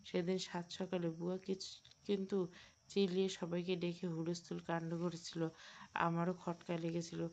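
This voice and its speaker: A woman's voice: lowish voice, monotone, normal speed, a little mellow, highs cut off, close to an everyday voice. A woman voicing an earnest young boy detective. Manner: earnest, probing, questioning. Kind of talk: audiobook character reading.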